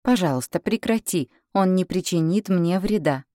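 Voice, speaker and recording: A woman's voice: fairly low pitch, lively intonation, moderate pace, dark tone, no echo, pitched above the performer's own voice, lightly acted. Woman doing a stubborn young heroine, urgent, dry close sound. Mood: urgent, defiant.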